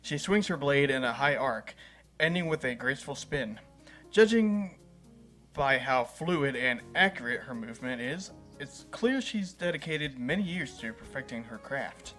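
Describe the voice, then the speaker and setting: A man's voice: medium pitch, lively intonation, unhurried, fairly bright tone, faint music behind. A man reading a visual novel game aloud as a gaming host, playful and chuckling at the story.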